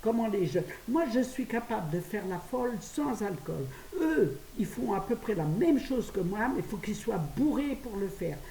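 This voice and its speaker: Older french lady vlogging on her phone, warm mellow voice, roomy flat, bit far off with hiss. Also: medium pitch. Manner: fast, chatty, laughing at herself. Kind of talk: casual chat to camera. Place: her apartment, indoors. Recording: roomy, distant phone audio with faint hiss.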